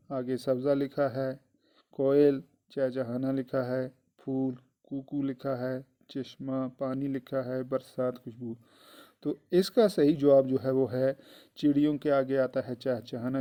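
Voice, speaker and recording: A male schoolteacher with a dark, mellow voice talks his class through a lesson. He goes slowly, says phrases twice and keeps turning to the children with questions. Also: medium pitch. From Kashmir. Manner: slow and repetitive, addressing the children directly. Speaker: teacher. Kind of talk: classroom lesson explaining a poem.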